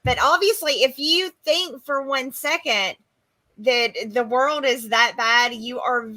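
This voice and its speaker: A woman comic creator in casual podcast chat, blunt and profane, talking with animated emphasis. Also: high-pitched, slow.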